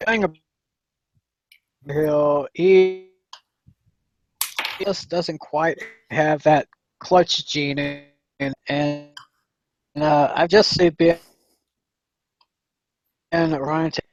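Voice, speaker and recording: A man's voice: fairly high pitch, fairly even intonation, drawn-out words, pauses often, a little hiss or hum. A man on a football picks podcast, talking casually while his mic keeps cutting out and his volume jumps up and down. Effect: mic cutting out, uneven volume. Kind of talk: casual sports chat. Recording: dull lo-fi online call mic.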